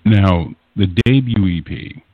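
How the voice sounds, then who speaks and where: A very deep, husky-voiced man asks long, earnest questions as an interview host. His voice comes over a dry, tinny, phone-like line. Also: takes it slowly, no room sound.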